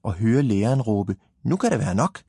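Brief: man reading as a smug storybook girl, lightly raised and husky. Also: on the low side, lively intonation, warm tone, no room sound, clean studio sound. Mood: proud. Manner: proud, explaining. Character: know-it-all little girl, proud and confident.

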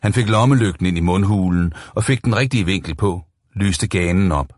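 Man, deep voice, audiobook narration, steady and even, dry recording. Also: no room sound. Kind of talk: audiobook novel reading.

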